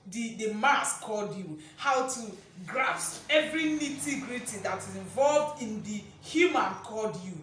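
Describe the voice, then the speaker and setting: A woman gives a motivational teaching talk in a loud, high, projecting voice, emphatic and expressive, repeating key phrases, checking in with rhetorical questions, and speaking unhurriedly with hardly any pauses. She is a motivational speaker and presenter. A distant camera mic, with none on her, captures her in an echoey room, so the sound is very reverberant with faint noise.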